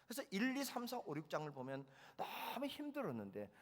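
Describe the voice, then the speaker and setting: Animated male preacher in a reverberant hall. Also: fairly quick. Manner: animated storytelling, voicing children and parent with big swings in pitch and loudness. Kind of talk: lively sermon with acted-out family scenes. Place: large hall at a retreat.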